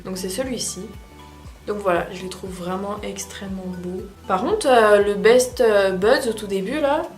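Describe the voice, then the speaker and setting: A woman talks through a makeup test in a loose, rambling way, often pausing to hesitate. Her voice rings in an echoey room, with faint music underneath. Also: medium pitch. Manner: chatty, rambling, frequent hesitations. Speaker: beauty vlogger. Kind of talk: casual makeup tutorial chat.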